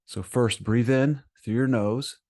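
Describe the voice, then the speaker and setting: A male meditation teacher guides a session in a medium-pitched, steady voice. He speaks gently and soothingly, using short phrases broken by frequent pauses.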